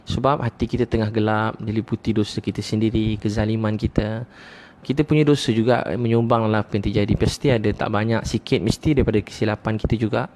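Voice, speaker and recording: A man giving a sermon, teaching with gently emphatic repetition and frequent interjections. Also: lowish voice, fairly even intonation, quick pace. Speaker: preacher.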